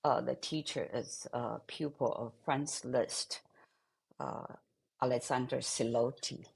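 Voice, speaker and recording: Gravelly, husky older woman from Taiwan. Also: very deep voice, fairly even intonation. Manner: halting non-native English, trailing off softly at phrase ends. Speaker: pianist and composer guest. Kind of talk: interview conversation.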